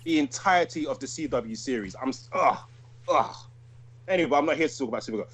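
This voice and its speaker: A man's voice: mid-range voice, very fast, husky. A man co-hosting a casual podcast, talking in an emphatic, slangy way. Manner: animated, emphatic, full of slang. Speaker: podcast co-host. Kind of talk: casual chat.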